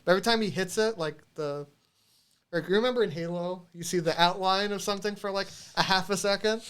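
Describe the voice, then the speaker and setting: High, smooth-voiced man ranting casually. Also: brisk, a bit bright. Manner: profane, rambling, laughing. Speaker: podcast co-host. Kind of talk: casual chat, recapping a movie.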